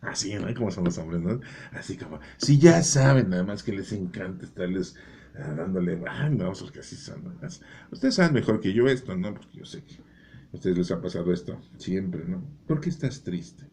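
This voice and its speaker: A man's voice: low voice, expressive, normal speed, darkish tone, a little hiss or hum. A man explaining a Bible chapter in a folksy, joking way, often tagging his remarks with a rhetorical question. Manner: folksy, joking, keeps asking "¿no?". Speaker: Bible teacher.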